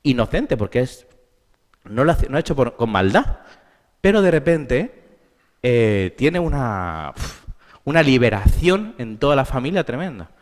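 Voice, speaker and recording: Animated Spanish man lecturing in a hall. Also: medium pitch, unhurried. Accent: Spain Spanish. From Spain. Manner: animated, emphatic, asks rhetorical questions. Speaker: therapist giving a symposium talk. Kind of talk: conference lecture. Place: conference hall.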